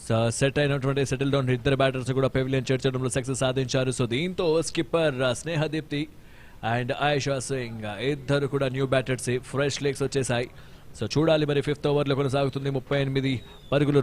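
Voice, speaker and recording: A man delivers excited cricket commentary at a rapid clip in a Telugu accent. His voice sits at a middling pitch, and faint ground noise runs behind him as he calls the play in a mix of Telugu and English. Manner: excited, animated calls of wickets and boundaries.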